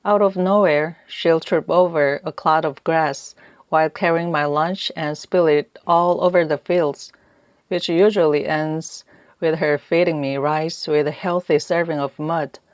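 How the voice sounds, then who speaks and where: A woman narrating an audiobook in a calm, measured first-person reading on a close mic. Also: sits low, dry recording.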